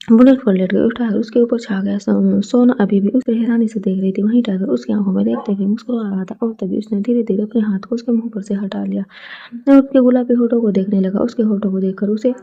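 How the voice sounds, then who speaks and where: A woman reading a romance story aloud, quickly and with frequent restarts, on a dull lo-fi recording. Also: medium pitch, warm tone. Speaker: story narrator.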